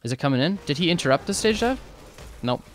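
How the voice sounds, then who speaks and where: Animated man coaching a game team. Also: a little high, fast, slight background noise. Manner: animated, asks the team questions, many fillers. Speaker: esports coach reviewing replays. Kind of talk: casual coaching commentary over a replay.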